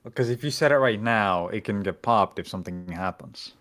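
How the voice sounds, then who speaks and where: A man bantering over a card game as the other player, teasing and mumbling quiet asides. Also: fairly low pitch, a little fast. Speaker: co-host and opponent. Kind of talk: casual gaming banter.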